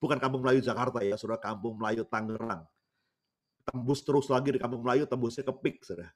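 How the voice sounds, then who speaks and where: A man's voice: medium pitch, fast talker. A male pastor preaching a sermon in a storytelling way, often addressing the congregation directly. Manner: storytelling, repeatedly addresses listeners.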